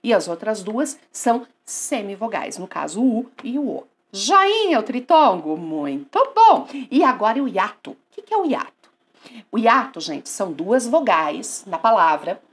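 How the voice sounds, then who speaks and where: A woman teaching a grammar lesson online, asking and answering her own questions in a coaxing, lively way. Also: mid-range voice, measured pace, breathy edge.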